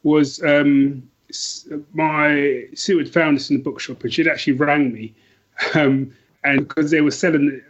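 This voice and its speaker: A man with a fairly high voice and fairly even intonation speaks a little slowly as a podcast guest in casual book chat. He rambles enthusiastically, correcting himself, and the audio is dull and lo-fi.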